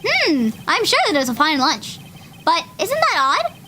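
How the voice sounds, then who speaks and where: A woman's voice: very high voice, wildly swooping pitch, normal speed, noisy background, pitched above the performer's own voice, exaggerated voice. Woman reading as Phoenix Wright, earnest attorney. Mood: pressing. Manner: formal, pressing. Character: earnest young male defense attorney. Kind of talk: reading game dialogue aloud.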